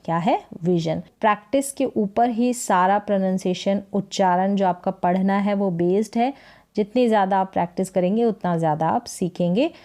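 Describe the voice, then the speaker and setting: A woman teaching English reading, slowly sounding out words syllable by syllable and quizzing the viewer. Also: mid-range voice, warm tone. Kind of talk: slow phonics lesson.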